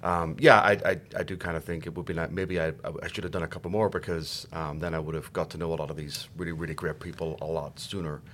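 Deep-voiced Irish man, halting chat. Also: flat delivery, fairly bright tone, slight background noise. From Ireland. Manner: halting, repeats words, self-deprecating. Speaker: guest actor. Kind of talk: casual podcast chat.

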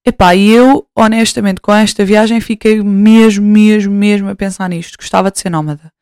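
Young European Portuguese woman, podcast host, chatty and self-mocking; smooth, clear voice, dry close sound. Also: mid-range voice, steady tone, normal speed, darkish tone, dry recording. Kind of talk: casual solo chat.

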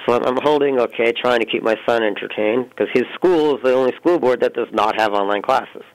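A man calling in to a radio talk show over the phone, chatting in a relaxed, easygoing way. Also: mid-range voice, fairly quick, no room sound, low-quality recording. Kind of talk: casual chat.

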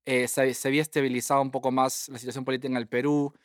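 A young man, a guest telling his story in a lively way and slipping English phrases in among fillers. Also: medium pitch, very fast, dry recording, clean studio sound. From Peru. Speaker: guest scientist. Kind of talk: casual interview storytelling.

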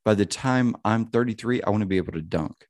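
A man's voice: lowish voice, fast, a little mellow, no echo, studio quality. A man around thirty hosting a casual podcast chat, rambling and profane, leaning on "you know what I mean.". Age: 30s.

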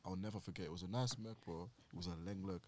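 A man's voice: low voice, fast talker. A young man, telling anecdotes in slangy group banter. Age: young adult.

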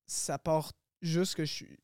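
Clear-voiced rapper guest, fairly high. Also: male voice, slow, no room sound, clean studio sound. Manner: reflective and animated, laughs often. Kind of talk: casual podcast conversation.

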